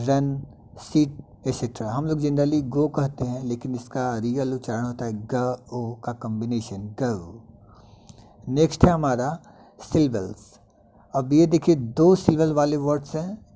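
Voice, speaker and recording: Male grammar tutor, mellow dark tone, slow deliberate read-outs of English terms. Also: mid-range voice, poor audio. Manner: reads English definitions slowly, then explains them; repeats example words with careful pronunciation. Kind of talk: bilingual grammar lesson.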